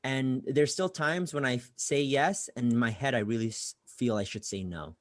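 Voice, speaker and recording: A man's voice: medium pitch, normal speed, no room sound, clean studio sound. A man who was born in Bangladesh and grew up in California, a guest career coach talking casually in a podcast interview and often repeating words as he starts a sentence. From Bangladesh, raised in California.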